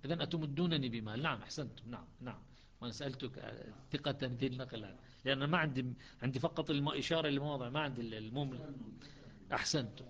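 A man teaching the variant readings of the Quran, chanting verses slowly and then explaining them in quick speech. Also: medium pitch, fairly bright tone, dull audio.

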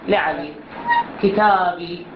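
A woman with an Iraqi Arabic accent teaching Quran recitation in a class, explaining patiently and saying words slowly for students to repeat. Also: fairly low pitch. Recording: muffled recording with steady background noise.

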